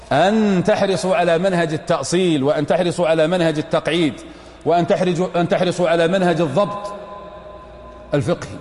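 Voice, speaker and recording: A man's voice: high-pitched, darkish tone. A middle-aged man with a Saudi accent giving a mosque lecture on jurisprudence, emphatic and repeating phrases to press his point on his students. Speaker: Islamic scholar teaching jurisprudence. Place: large mosque hall. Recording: reverberant mosque hall.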